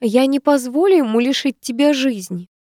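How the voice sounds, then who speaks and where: A woman's voice: high-pitched, animated, warm tone, no room sound, studio quality, voice pushed up. A woman voicing a young witch who leads a ritual, speaking with solemn command. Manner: commanding, solemn, chanting slowly.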